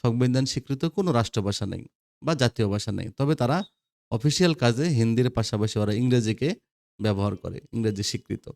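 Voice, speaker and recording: Bangladeshi male teacher, mid-pitched, drills students with questions, dry close mic. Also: expressive, brisk, gravelly, a little mellow, no room sound. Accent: Bangladeshi Bengali. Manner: quizzing students, repeating answers. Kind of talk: lecture for school students.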